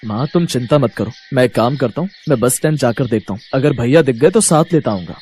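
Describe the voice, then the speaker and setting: A man's voice: mid-range voice, lively intonation, fast, darkish tone, a little hiss or hum, lightly acted. A man voicing a cheerful young village man in a cartoon story, eager and teasing with his family.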